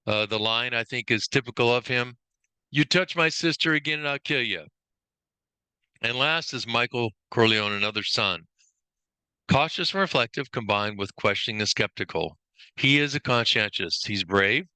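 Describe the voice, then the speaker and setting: A man's voice: mid-range voice, expressive, normal speed, pushed and bright, clean tone, no echo. A male trainer giving an informal lesson, rattling off lists of traits and now and then correcting himself. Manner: brief self-corrections. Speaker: workplace trainer.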